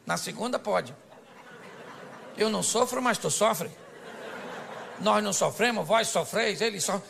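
A man's voice: sits high, measured pace, vocal fry, a bit bright, slight background noise. A man preaching an extroverted, joking sermon to a church congregation. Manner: extroverted, joking, acts out voices. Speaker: pastor. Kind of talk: humorous sermon.

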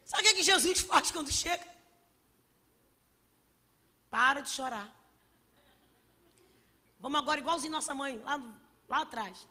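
A woman preaching a sermon with passion, swinging between shouts and hushed asides, in a church hall. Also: high voice, measured pace, pauses often. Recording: long reverb of a large hall.

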